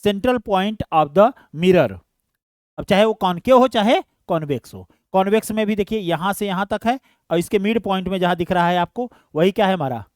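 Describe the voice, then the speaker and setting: A man's voice: high-pitched, expressive, moderate pace, no echo, clean studio sound. A man teaching an online science lesson. He explains step by step, fondly calls his students "beta", and keeps asking whether they understood.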